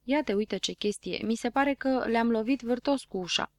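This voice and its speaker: A woman's voice: a little high, dry recording, pitched above the performer's own voice, close to an everyday voice. A woman voicing a clumsy little boy in a storybook, mumbling a bit sheepishly. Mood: muttering.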